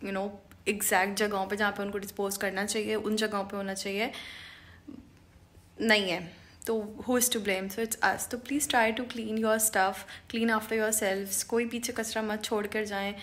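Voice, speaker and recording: A woman's voice: mid-range voice, little pitch movement, a little slow, a bit bright. Indignant Karachi woman ranting. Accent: Karachi Urdu, mixing in English. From Pakistan. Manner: indignant, scolding, switches between Urdu and English. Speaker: vlogger. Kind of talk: ranting to camera. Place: bedroom indoors. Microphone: camera at arm's length.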